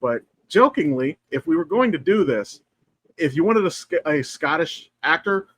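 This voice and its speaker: A man co-hosting a casual podcast, talking in an animated, profane way that jumps up in pitch when he gets excited. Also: normal speed, no room sound. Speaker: podcast co-host.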